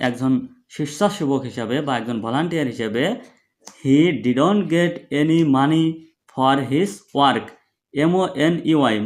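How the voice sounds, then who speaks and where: A man teaching English to Bengali speakers, spelling each word letter by letter and translating it into Bengali. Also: mid-range voice. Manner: slow, spells words letter by letter, repeats syllables.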